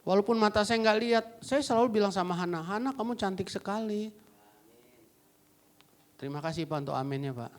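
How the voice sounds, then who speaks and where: A male pastor preaching a lively sermon, swinging between loud exclamations and quiet asides and acting out quotes. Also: sits high, rapid-fire, few pauses. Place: church service.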